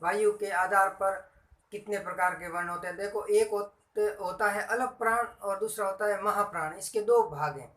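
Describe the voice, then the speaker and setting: A man's voice: high voice, normal speed, fairly bright tone, distant mic. A man teaches grammar in a classroom style, going over each point again and putting questions to his listeners. His voice bounces around an echoey room. He sits well back from the microphone. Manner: repetitive, quizzing listeners with questions.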